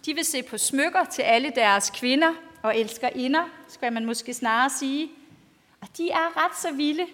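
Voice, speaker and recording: A woman's voice: high voice, fairly bright tone. A woman pastor giving a storytelling sermon to a congregation in simple, plainly spoken language. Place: large reverberant church, speaking to a congregation. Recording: long church-like hall reverb.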